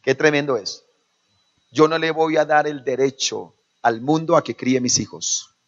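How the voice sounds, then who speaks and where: A man's voice: on the high side, measured pace. A man with a Colombian Spanish accent preaching a sermon as pastor, calling out to the congregation and acting out quoted parents. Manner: preaching with call-and-response to the congregation; acts out quoted parents in shifting voices. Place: church. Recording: dull lo-fi sermon recording.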